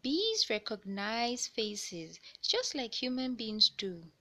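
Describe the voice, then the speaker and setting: Slow and on the high side, a children's book narrator reads a picture book in a bright, clear-cut voice, her intonation very animated and swooping. She savors each phrase, storytelling expressively and explaining things for young listeners.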